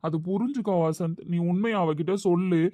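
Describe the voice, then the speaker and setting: A man's voice: high-pitched, fairly quick, warm tone, no room sound, natural voice. A man playing a loyal young friend who pleads with and coaxes his upset buddy in an audio drama. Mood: pleading. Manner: coaxing, earnest.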